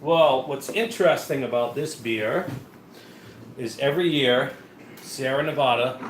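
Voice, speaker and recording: A man's voice: medium pitch, measured pace. Rambling man in an echoey room. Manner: rambling, many fillers and restarts. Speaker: beer review show co-host. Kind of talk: casual live beer review chat. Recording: echoey room with faint noise.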